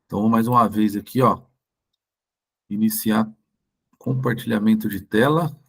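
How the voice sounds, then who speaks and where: A hoarse doctor with a Brazilian Portuguese accent gives a live online lecture, his voice gravelly and rough around the edges. He talks informally and keeps checking in with his listeners. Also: lowish voice, steady tone, measured pace. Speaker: doctor teaching a course.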